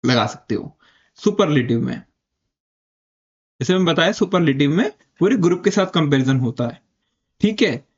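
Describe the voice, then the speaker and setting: A man with an Indian accent teaching an English grammar lesson step by step, repeating key points and slowing down to spell out the English examples. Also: high voice, a little mellow, highs cut off.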